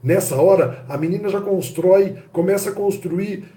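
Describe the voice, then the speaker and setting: A male teacher with a Brazilian Portuguese accent lectures in a lively, theatrical manner and keeps asking his listeners rhetorical questions. His voice sits somewhat high yet sounds mellow and warm. The room around him rings with echo. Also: moderate pace. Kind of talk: classroom-style lecture.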